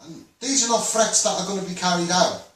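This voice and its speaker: A children's rights campaigner with a Scouse accent delivers a blunt, rambling, impassioned monologue to online viewers, often repeating himself. His voice is high-pitched, fairly quick and a bit bright. He's far from the mic in a very echoey room, with a little hiss or hum.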